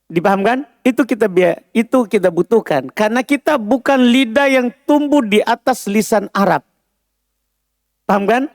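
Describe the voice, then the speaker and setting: A man's voice: sits high, normal speed, no room sound, studio quality. A man teaching an Arabic lesson, explaining patiently and often checking whether students understand. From Indonesia. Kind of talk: classroom lesson.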